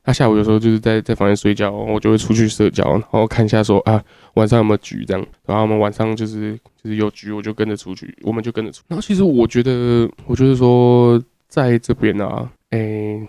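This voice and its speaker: A man's voice: on the low side, little pitch movement, quick pace, creaky, few pauses, warm tone, clean tone, no echo, clean studio sound. A young man from Taiwan telling a crude, rambling casual story as a podcast host, swearing often.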